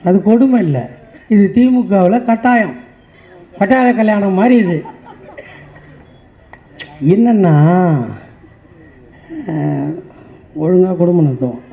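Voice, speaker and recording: Male political speaker, high but mellow voice, delivers a stage speech in mocking rhythmic refrains, on a dull lo-fi recording. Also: animated, unhurried, pauses often. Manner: rhythmic sarcastic refrains, rising to shouts.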